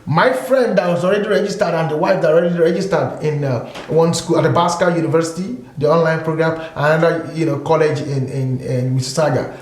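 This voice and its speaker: A man's voice: on the high side, brisk. Emphatic man in an echoey room. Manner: emphatic, repeats points, many fillers. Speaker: guest. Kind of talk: casual discussion.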